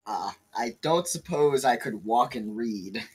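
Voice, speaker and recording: A man's voice: medium pitch, animated, a little slow, husky. A man playing a tabletop game, joking and speaking wryly in character. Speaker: player. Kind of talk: casual in-character banter.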